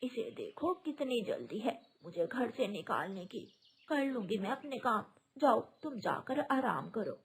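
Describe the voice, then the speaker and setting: A woman's voice: on the high side, very animated, unhurried. A woman voicing a harsh, bossy old mother-in-law bird in a cartoon, sneering and cutting as she scolds. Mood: scornful.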